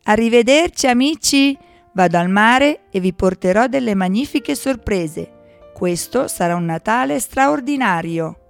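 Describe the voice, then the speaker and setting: A woman voicing an excitable male woodland inventor animal in a children's storybook, eager and exclamatory. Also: mid-range voice, slow pace, faint music behind, lightly acted. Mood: excited.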